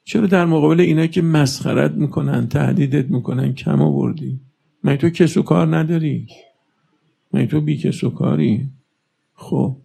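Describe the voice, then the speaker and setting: A man preaching a religious sermon, pressing his listeners with fervent, rapid-fire rhetorical questions. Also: mid-range voice, creaky, mellow, slightly rough.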